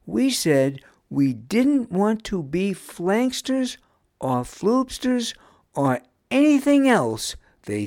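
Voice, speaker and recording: A man's voice: on the high side, darkish tone, dry recording, studio quality, pitched above the performer's own voice, heavily acted. A man voicing Nam, an earnest young girl who speaks up for fairness, in a children's storybook reading. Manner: pleading, then firm and heartfelt.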